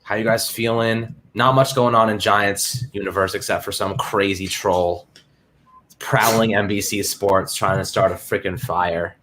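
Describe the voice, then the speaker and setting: A man's voice: lowish voice, steady tone, unhurried, a bit bright, slight background noise. A man hosting a casual sports livestream, talking in hyped slang and greeting chat viewers by name. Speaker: livestream host.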